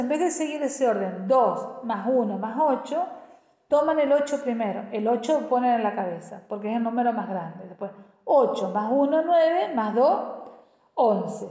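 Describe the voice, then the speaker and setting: Woman educational psychologist, patient step-by-step explainer, mellow tone, echoey recording. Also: a little high. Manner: explains step by step, often checks in with "¿sí?". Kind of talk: explanatory teaching talk. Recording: echoey room with long reverb.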